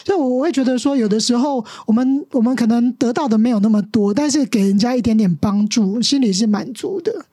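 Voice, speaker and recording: A woman's voice: on the high side, a little fast, hardly any pauses, mellow, husky, no room sound, clean studio sound. A middle-aged woman teacher with a Taiwanese Mandarin accent, earnestly telling stories as a podcast guest. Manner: earnest, acts out quoted dialogue. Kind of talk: storytelling interview.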